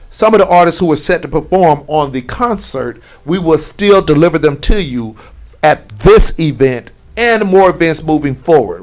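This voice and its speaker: A man hosting an internet radio talk show, speaking earnestly and from the heart. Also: on the high side. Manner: earnest, heartfelt shout-outs.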